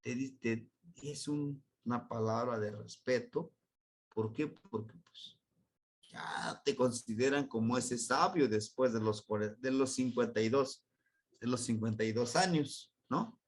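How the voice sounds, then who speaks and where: Slow, patient Mexican man teaching. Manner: patient, explanatory, voice leaps high on key words. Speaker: Nahuatl language teacher. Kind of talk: unscripted lesson.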